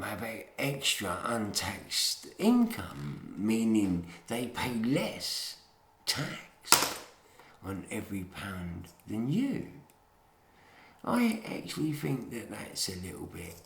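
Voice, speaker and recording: A British man with a lowish, gravelly voice delivers a rambling, unscripted commentary alone at home, matey and opinionated. He's very animated but takes it slowly. It was recorded on a handheld dictaphone, sounding roomy with faint noise.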